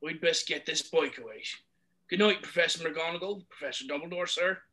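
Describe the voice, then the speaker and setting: A man voicing Hagrid, a big shaggy soft-hearted male giant who stammers tearfully in rustic speech. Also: a little high, a little fast, voice pushed up, poor audio. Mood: muffled. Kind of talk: amateur audiobook reading.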